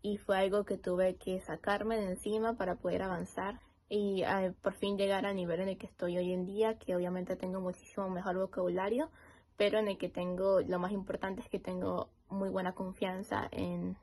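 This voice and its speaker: A woman's voice: mid-range voice, level tone, normal speed, a little mellow. Reflective Venezuelan woman. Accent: Venezuelan Spanish. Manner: articulate, reflective. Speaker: interviewee. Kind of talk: reflective testimony.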